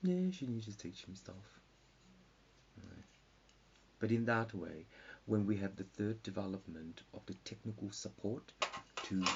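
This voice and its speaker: Tired gravelly man rambling. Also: lowish voice, a little mellow. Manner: meandering mock-lecture, dips into whispers. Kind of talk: rambling pseudo-scientific monologue. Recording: dull lo-fi with faint hiss.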